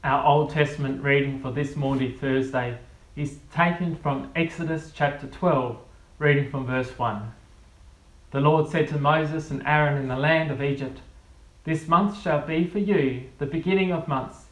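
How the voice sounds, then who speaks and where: A man with a fairly high voice reads prayers and scripture in a measured, solemn way. His words ring through a cathedral echo. He sounds some distance from the mic. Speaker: priest leading a service. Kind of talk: liturgical prayer and scripture reading. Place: large church. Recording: echoey church from far off.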